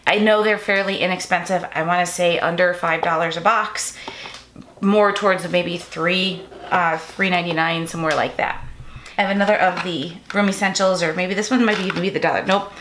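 A woman in her forties hosts a craft channel, chatting casually and relaxedly as she shows what's in her drawers and corrects herself along the way. Her voice is fairly low and her pace moderate, recorded indoors in a bright, echoey home craft room with faint noise.

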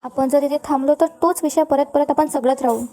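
A woman's voice: high-pitched, fairly even intonation, a little fast, dark tone, close to an everyday voice. A woman reading a level-headed father figure. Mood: calming. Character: level-headed middle-aged father of the house.

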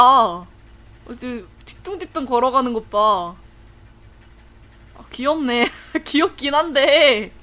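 A young woman streaming a life-sim game, chatting to viewers and breaking into excited laughing shrieks. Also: high-pitched. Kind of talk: casual livestream commentary.

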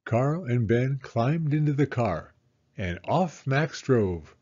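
With a breathy edge to his medium-pitched voice, a man narrates a children's storybook. The phrasing is deliberate and expressive, and the audio is slightly dull.

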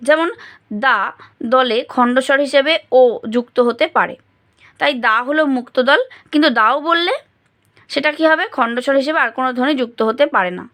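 A woman with a high, light voice teaches a grammar lesson to schoolchildren. She explains patiently, step by step, and breaks words into syllables as she says them aloud. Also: fairly bright tone.

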